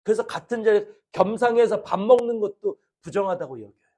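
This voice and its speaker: A man's voice: sits high, a little fast, darkish tone. A middle-aged male pastor preaching a sermon, earnestly asking the congregation questions.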